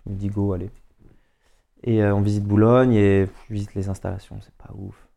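A young man with a Paris suburbs accent, a footballer chatting as a podcast guest, slangy and animated as he acts out what people said. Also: lowish voice, a little fast, gravelly. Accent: Parisian suburbs French. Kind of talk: casual storytelling chat.

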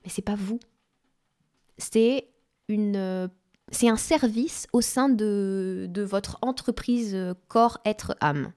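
A woman's voice: medium pitch, slow, a little mellow, clean tone. Enthusiastic woman life coach. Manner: enthusiastic, chatty, spiritual wording. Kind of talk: podcast monologue.

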